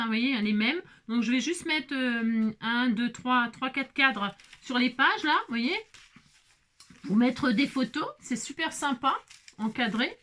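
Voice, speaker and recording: A woman's voice: on the high side, pushed and bright. Gushing woman chatting while crafting. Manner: gushing, exclaims over every detail; chatty, talks to viewers while working. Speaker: craft vlogger. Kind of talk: casual crafting tutorial chat.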